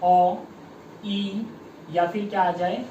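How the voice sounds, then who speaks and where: A man's voice: high-pitched, steady tone, extremely slow, warm tone, dull audio, a little hiss or hum. Man teaching a live online class. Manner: drills students with repeated questions, reads out comments. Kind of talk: live online exam-prep lesson. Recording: echoey room, mic at a distance.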